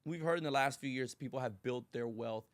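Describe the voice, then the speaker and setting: Male interviewer, halting questions. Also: mid-range voice, dry recording. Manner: stammering restarts when asking. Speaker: interview host.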